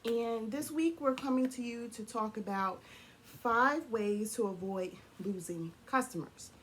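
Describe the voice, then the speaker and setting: Hoarse chatty woman co-hosting. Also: on the high side, a little slow, a little hiss or hum. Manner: chatty, laughs often, clears throat. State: hoarse, losing her voice. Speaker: co-host of a couple's channel. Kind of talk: casual chat.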